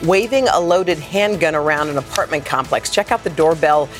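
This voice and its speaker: Low-voiced woman anchoring morning news. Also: normal speed, soft background music. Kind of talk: scripted news reading with casual asides.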